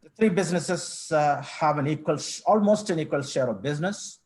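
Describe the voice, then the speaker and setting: Heard through a video call, a middle-aged man from Kerala, India, speaks as a guest in an online panel interview, where he is introduced as a company managing director. His fairly high-pitched voice has a darkish tone, and he sounds formal and measured, often starting over mid-sentence.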